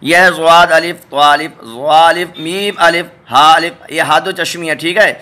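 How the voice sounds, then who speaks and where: A man teaching a Quran reading lesson, patiently naming letter pairs and repeating each one slowly for his viewers. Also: a little high, fairly even intonation, pushed and bright. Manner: addresses viewers directly, asks them to look. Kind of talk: step-by-step spoken lesson.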